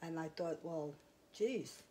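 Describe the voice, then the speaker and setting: A woman with a low voice talks through her crochet in a loose, rambling way, full of fillers. She speaks into a clip-on mic in a quiet house, with a faint hiss behind her. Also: takes it slowly. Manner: rambling, chatty, with fillers and small laughs. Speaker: crochet vlogger. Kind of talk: casual show-and-tell. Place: quiet home, indoors.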